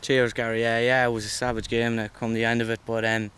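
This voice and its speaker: A man's voice: medium pitch, level tone, quick pace, fairly bright tone, clear, resonant tone. A man, a golfer giving a casual post-match interview.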